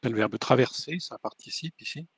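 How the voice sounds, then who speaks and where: A man answering a teacher's questions in class, quick and tentative. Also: mid-range voice, gravelly, husky, no room sound. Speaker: student.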